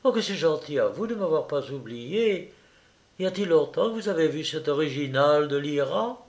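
A man's voice: on the high side, animated, moderate pace. A man voicing an affected young woman who gushes and coos baby talk at her little dog. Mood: gushing. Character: gushing, affected young Parisian woman fussing over lapdog.

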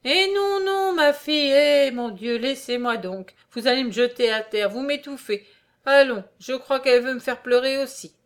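A kindly old man who walks on crutches, fussing over everyone in a storybook reading, as a woman puts him on. He talks in a fatherly, exclaiming way, with a raised, fairly high voice. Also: fairly even intonation, normal speed, natural voice. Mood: flustered.

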